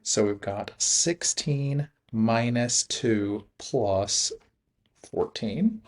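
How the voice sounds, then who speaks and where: A man teaching a recorded math lesson, talking through the steps in a relaxed way and chuckling at his own slips. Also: mid-range voice, very slow.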